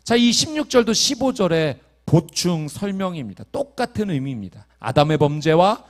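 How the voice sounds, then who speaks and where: A man preaching a sermon as pastor, moving between quiet storytelling and loud, fervent preaching. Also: high voice, very animated, normal speed.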